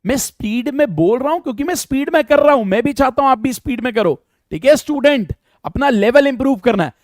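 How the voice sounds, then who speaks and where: A man teaching a live online math class, drilling sums aloud, urging students to go fast, and answering their chat questions. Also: very high-pitched, expressive, no echo, clean studio sound. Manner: brisk, drills sums aloud and urges speed.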